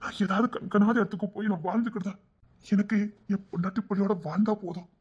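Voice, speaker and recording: A man's voice: high-pitched, steady tone, fast talker, slightly rough. A man with a Tirunelveli Tamil accent voicing a tender, pleading gang king who longs for family life in an audio story. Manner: soft, pleading, heartfelt. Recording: dull lo-fi recording.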